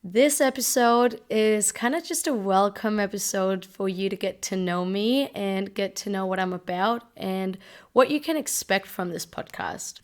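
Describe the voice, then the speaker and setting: Slow, smooth-voiced young woman from Denmark. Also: mid-range voice. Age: 20s. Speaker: podcast host. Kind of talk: casual solo podcast talk.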